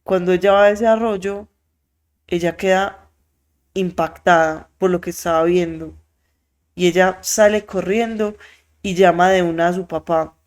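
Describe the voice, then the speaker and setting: A podcast host, telling a story in an animated way, with many fillers and quoted voices acted out. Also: mid-range voice, a little slow, smooth. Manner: frequent filler words.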